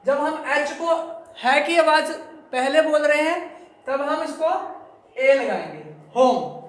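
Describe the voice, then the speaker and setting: A man teaching English grammar to students, repeating words slowly and speaking to the class directly. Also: very high-pitched, expressive, a bit bright. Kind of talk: classroom lesson explaining to students. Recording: very echoey room.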